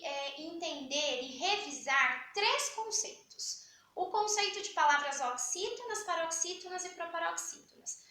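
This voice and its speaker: A woman's voice: extremely high pitch, pushed and bright, reverberant. A young adult woman, teaching a grammar lesson in a chatty way, asking herself questions and answering them. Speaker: Portuguese teacher.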